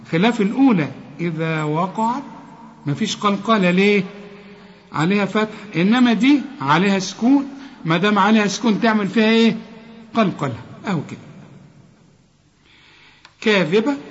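A man with an Egyptian accent teaching tajweed, slowly repeating sounds, correcting pronunciation and chanting verses. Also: sits high, a little hiss or hum. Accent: Egyptian Arabic. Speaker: Quran recitation teacher. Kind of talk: tajweed lesson with recited examples. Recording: long reverb, dull lo-fi sound.

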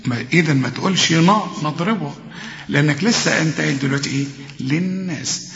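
A man with an Egyptian Arabic accent teaching recitation rules, explaining patiently and chanting verse examples slowly. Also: a little high, vocal fry, fairly bright tone. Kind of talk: tajweed lesson with recited examples. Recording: echoey hall, dull lo-fi sound.

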